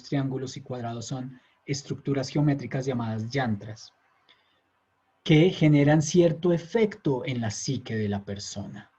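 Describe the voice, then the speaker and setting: In a dull, lo-fi recording of a lecture, a male teacher talks conversationally and keeps checking in with his listeners. His voice is husky and dark-toned at a medium pitch.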